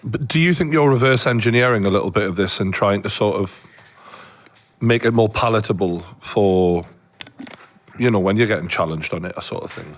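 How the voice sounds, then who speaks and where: A man's voice: fairly low pitch, fairly quick. A man with a Newcastle accent, asking questions casually as an interviewer. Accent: Newcastle Geordie.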